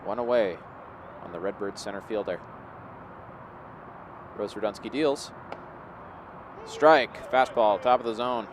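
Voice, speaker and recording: A play-by-play baseball commentator calls the game live, his fairly low voice moving at normal speed with long pauses. The recording clearly picks up a noisy outdoor background.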